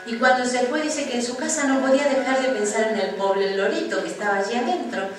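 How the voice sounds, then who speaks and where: A woman pastor preaching a sermon in an earnest, measured way, slowing down for emphasis. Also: a little high. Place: church hall. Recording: echoey hall from far off, music behind.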